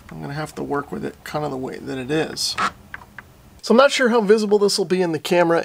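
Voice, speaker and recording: An American man in his forties hosts a channel, giving a plain-spoken, methodical repair tutorial from a small indoor workshop with concrete walls. His voice is on the high side and gravelly, with a little hiss or hum on the recording.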